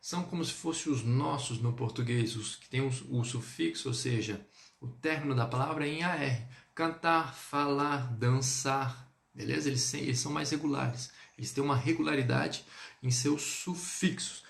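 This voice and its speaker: A man's voice: medium pitch, normal speed, vocal fry, roomy sound. A Brazilian man teaching French in a live online lesson. He explains patiently and keeps checking in with his viewers. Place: indoor room, livestream.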